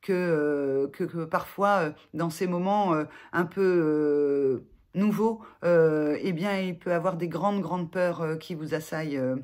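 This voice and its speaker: A woman therapist giving gentle self-help advice to viewers in a vlog, speaking haltingly with many filler sounds and restarts. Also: low-pitched. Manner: gentle, reassuring address to viewers.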